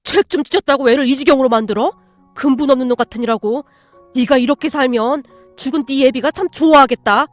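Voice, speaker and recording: A woman reading a radio story, voicing a crude, furious middle-aged father who yells insults. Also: sits high, brisk, no echo, soft background music, natural voice. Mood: yelling, contemptuous. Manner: yelling, insulting, jabbing.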